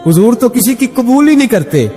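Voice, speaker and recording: Guy preaching, high voice, breaks into chanted verses, big reverb hall. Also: big pitch swings, warm tone. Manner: storytelling with sung Punjabi verses and melodic chanting. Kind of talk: emotional sermon. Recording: long hall reverb with faint music.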